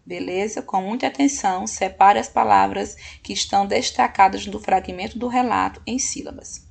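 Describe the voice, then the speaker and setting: Woman teacher, husky and gravelly, patient lesson delivery. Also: medium pitch, a little mellow. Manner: patient, slow, often checks in with "ok?". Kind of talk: recorded classroom lesson.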